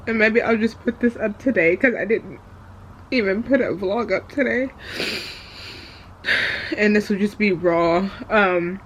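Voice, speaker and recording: A woman talking candidly in a raw personal vlog, hesitant and halting as she confides in viewers. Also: mid-range voice, dull audio, slight background noise. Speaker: vlogger. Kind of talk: raw confessional vlog talk.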